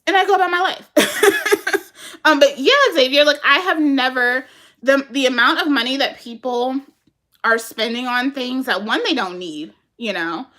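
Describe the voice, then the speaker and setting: A woman chatting casually with her viewers and answering their comments, animated and laughing often, talking to them as "y'all". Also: sits high, unhurried.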